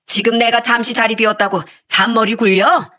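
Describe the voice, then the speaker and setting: A woman voicing a sharp-tongued older mother-in-law who talks in curt, bossy, sneering jabs, in a storybook-style telling. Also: fairly high pitch, moderate pace. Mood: scolding. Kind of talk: storybook narration with acted voices.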